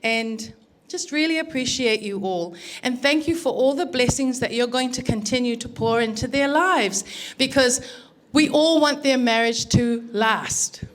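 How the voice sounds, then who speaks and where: A woman's voice: a little high, measured pace. A middle-aged woman with a New Zealand accent, the groom's mother, giving a wedding speech full of acted-out family stories. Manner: animated storyteller, acts out family dialogue, laughing often. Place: wedding reception.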